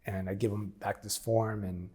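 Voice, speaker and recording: A man's voice: on the low side, level tone, normal speed, mellow, breathy edge. A man in his forties telling his story as an interview guest, frank and plain-spoken, often acting out past conversations. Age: 40s. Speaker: interview guest, former military operator.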